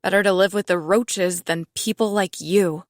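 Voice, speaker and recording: A man's voice: sits high, fairly even intonation, moderate pace, no echo, studio quality, voice pushed up. A man voicing a fierce, ruthless young blonde woman in an audiobook, cold and threatening as she swears. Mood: furious. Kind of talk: audiobook narration.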